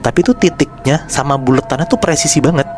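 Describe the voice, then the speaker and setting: A man hosting a podcast, telling a horror story in a relaxed, chatty way and addressing his listeners by name. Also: on the high side, fast, over music. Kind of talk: casual spoken storytelling.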